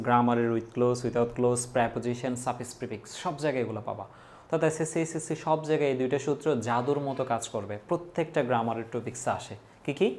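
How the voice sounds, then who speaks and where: A man, teaching an English grammar lesson to exam students. He asks questions and answers them himself, and slows down to list example words one by one. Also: medium pitch, a little mellow. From Bangladesh.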